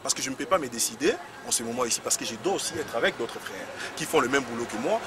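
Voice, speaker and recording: A man's voice: mid-range voice, expressive, fast, crowd noise. A man from Congo, a community leader, speaking with passion in a street interview in front of an embassy, often repeating words as he gets worked up. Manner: impassioned, repeats words when stirred. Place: outdoors on a city street. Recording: street noise and traffic behind.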